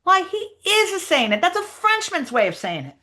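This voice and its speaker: A woman's voice: very high voice, sing-song, normal speed, pushed and bright, pitched above the performer's own voice, heavily acted. A woman reading aloud as a cocky boy who lectures his friend, in a raised, explaining voice. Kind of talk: reading aloud a novel dialogue.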